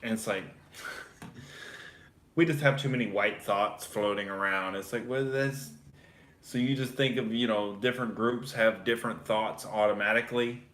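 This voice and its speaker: A man's voice: lowish voice, fairly even intonation, a little slow, fairly bright tone, reverberant. Laid-back male stream host. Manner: laid-back, self-critiquing, laughs often. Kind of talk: casual chat.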